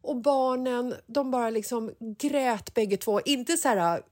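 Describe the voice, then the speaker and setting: A woman in her forties, a podcast host, telling a personal story in a casual, emotional, animated way. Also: fairly high pitch, no room sound, studio quality. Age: 40s.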